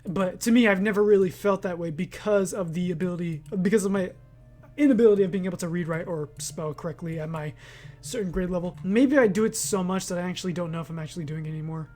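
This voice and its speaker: Hiccuping as he goes, a young gaming video creator chats his way through reading a quiz, rambling, fixing his own slips, and laughing at what he says. He talks fast in a high, mellow voice over soft background music.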